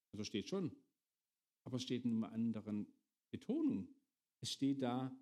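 A man's voice: fairly high pitch, mellow. A middle-aged man preaching a sermon, often turning to his congregation with direct questions.

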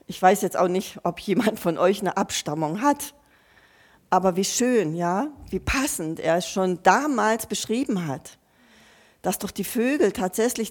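A woman delivers an earnest, personal sermon in a medium-pitched, slightly mellow voice, addressing her listeners directly. She often restarts or repeats phrases as she thinks aloud.

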